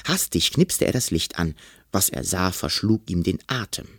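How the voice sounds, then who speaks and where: A man reading a children's storybook aloud with a lower voice that moves a lot in pitch. He brings each scene to life expressively, and the sound is close and dry. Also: lively intonation, moderate pace, fairly bright tone, husky, no room sound. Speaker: narrator.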